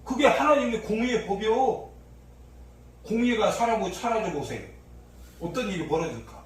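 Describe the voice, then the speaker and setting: A male pastor preaching an impassioned sermon, swinging from low murmurs to shouts, recorded in a church sanctuary during an evening service. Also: expressive, moderate pace. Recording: echoey church hall from far off, faint noise.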